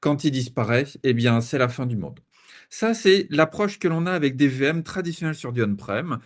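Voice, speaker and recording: A man's voice: medium pitch, lively intonation, moderate pace. A man from France giving a technical conference talk with playful analogies, sometimes stumbling over repeated words. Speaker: conference speaker.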